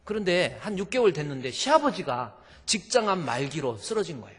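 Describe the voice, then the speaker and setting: A male pastor telling a story in a sermon, animated, acting out voices and swinging between loud and soft. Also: fairly high pitch, brisk, breathy edge, in a large hall.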